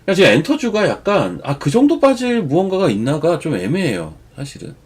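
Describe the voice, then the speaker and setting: A man with a cold, the show's regular commentator, rambles through chatty stock market talk on a live stream and drifts into personal stories. His voice sits a little high, with wildly swooping pitch, a slightly fast pace, and a breathy edge.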